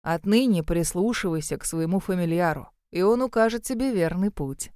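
A woman's voice: fairly low pitch, expressive, normal speed, warm tone, dry recording, clean studio sound, lightly acted. A woman voicing a sly old male street trader who speaks in a crafty, coaxing way.

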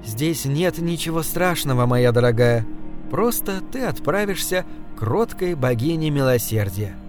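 A man voicing a pious lady who speaks in soft, soothing tones. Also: fairly low pitch, expressive, a little slow, faint music behind. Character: pious lady, falsely sympathetic.

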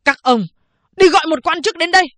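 A proud condemned prisoner who barks his demands, loud and commanding even in chains, as a woman narrator raises her voice for him. It is a storybook reading, recorded close and dry. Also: a little high, normal speed, dry recording. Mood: defiant, indignant. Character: defiant condemned male prisoner, proud and fiery.

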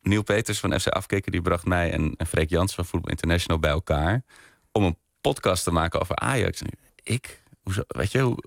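A man's voice: sits low, brisk, creaky, dry recording, studio quality. A man being interviewed on a radio podcast, talking in a hesitant, self-deprecating way with lots of restarts. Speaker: podcast maker, interview guest. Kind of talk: relaxed radio interview chat.

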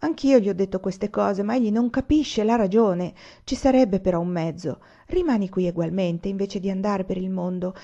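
A woman's voice: medium pitch, warm tone, lightly acted. Woman voicing a scolding old widow. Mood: coaxing. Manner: scolding, brisk. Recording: dull lo-fi recording.

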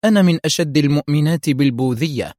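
A man voicing a cunning, scheming woman villain who puts on sweetness and turns sharp. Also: a little high, very fast, no echo, clean studio sound, pitched above the performer's own voice, natural voice. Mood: scheming, tense. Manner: feigned sweetness turning sharp.

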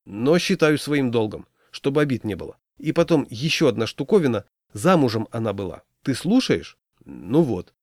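A man's voice: medium pitch, big pitch swings, normal speed, darkish tone, no echo, studio quality, lightly acted. A man voicing a fussy friend who rambles on confidingly in a humorous story. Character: fussy scheming man, anxious talker.

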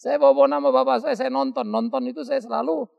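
A middle-aged male pastor, preaching a sermon in a lively storytelling way, mimicking voices and laughing at his own stories. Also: very high-pitched, quick pace, vocal fry, highs cut off.

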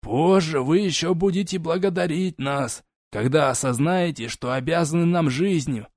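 A man reading an audiobook voices an aged elf ambassador who lectures in a measured, condescending tone. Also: fairly high pitch, darkish tone, dry recording, clean studio sound, voice pushed up, natural voice.

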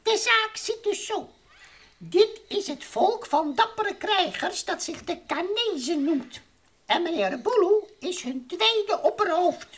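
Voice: very high-pitched, expressive, slow pace, fairly bright tone, full character voice. A performer voicing Professor Kwartje, a haughty, mischievous little alien who chatters grandly in nonsense-peppered speech in a children's radio play. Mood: smugly explaining. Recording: old radio recording with faint noise.

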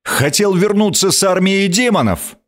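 Brief: man playing a proud storybook queen, high imperious tone, indignant and sharp. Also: animated, normal speed. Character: haughty frightened young queen, woman. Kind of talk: audiobook character voice.

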